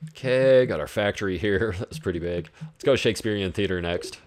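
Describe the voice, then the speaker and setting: A man's voice: fairly low pitch, brisk, slight background noise. A young man giving casual, laid-back commentary on his own strategy gameplay, talking to himself as he plays. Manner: laid-back, talks to himself while playing. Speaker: gaming YouTuber.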